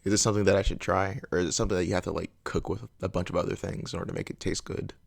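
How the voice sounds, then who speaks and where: A man's voice: low voice, little pitch movement, rapid-fire, vocal fry, no echo. A man hosting a reaction video, thinking aloud in a casual, unsure, hedging way.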